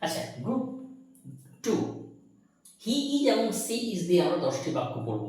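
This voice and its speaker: A woman teaches a grammar lesson, reading out example sentences at a slow, deliberate pace for pupils to repeat. Her pitch sits a little low but moves a lot. The recording is very echoey, with her voice set back from the mic. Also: very animated, a little mellow, far from the mic. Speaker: English teacher.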